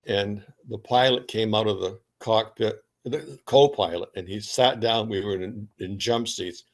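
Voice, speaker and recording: An older man, a veteran remembering his life in a conversational, rambling, anecdotal way with repeated starts. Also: lowish voice. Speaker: interviewee, retired Navy veteran.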